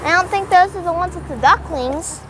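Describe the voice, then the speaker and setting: A teenage girl vlogging at a city park, talking slowly with lots of hesitant ums. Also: very high-pitched. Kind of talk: casual vlog chat. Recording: noisy outdoor handheld recording. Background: birds, traffic and outdoor noise.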